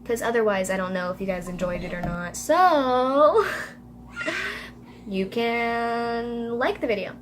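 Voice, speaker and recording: A woman's voice: on the high side, lively intonation, slow, long pauses, background noise. A woman reading her own childhood story aloud, breaking in with giggly, sarcastic asides. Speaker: YouTuber.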